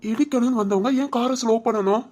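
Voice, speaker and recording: A woman's voice: fairly high pitch, fairly quick, darkish tone, lightly acted. A woman voicing a loving, anxious young husband and father in a cartoon family drama, talking in an emotional, protective way. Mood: reassuring.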